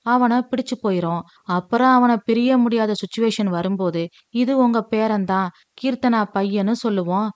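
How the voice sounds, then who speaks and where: A woman's voice: on the high side, normal speed, dull audio, close to an everyday voice. A woman reading aloud, voicing a fond, easygoing young husband in a story recording. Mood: bantering.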